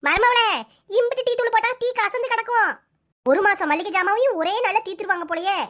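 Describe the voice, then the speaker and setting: A woman plays a sharp-tongued, bedridden old mother-in-law in a comic cartoon, grumbling, nagging and scolding in a Kanyakumari Tamil accent. Her very high voice moves a little fast.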